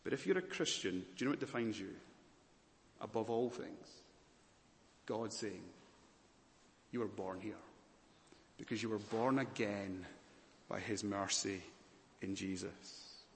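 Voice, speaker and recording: A man born in Malawi who grew up in Scotland, preaching a sermon as pastor with dramatic pauses and rising swells. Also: fairly low pitch, a little hiss or hum. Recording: long hall reverb.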